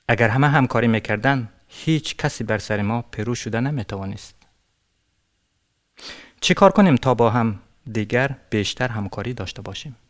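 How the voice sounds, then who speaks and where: Give me a male storyteller from Afghanistan narrating a fable in a measured way. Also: medium pitch. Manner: measured, occasional restarts. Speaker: storyteller and actor.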